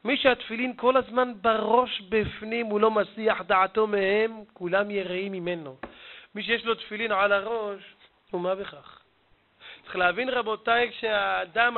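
Male preacher, very high voice, emphatic sermon, tinny phone-like recording. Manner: emphatic, dramatic storytelling.

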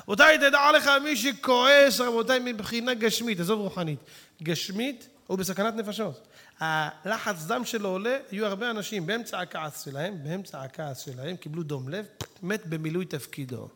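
Man, preacher, high bright voice, hushed to shouting, sermon, reverberant hall. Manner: swings from hushed to shouting, addresses listeners directly. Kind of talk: Torah sermon to an audience.

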